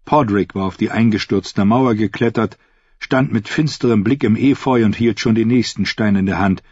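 A man narrating a story in a steady, measured way. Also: lowish voice, breathy edge, dry recording. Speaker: audiobook narrator. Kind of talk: scripted narration. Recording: dull, dry close recording.

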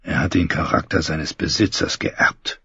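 A weary, regretful holy man in his forties, once a knight, as a male audiobook reader plays him. He speaks low and slow, with a gravelly, husky rasp and a quiet, confessional calm. The sound is dull and close. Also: no room sound, full character voice. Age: 40s. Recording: dull muffled recording.

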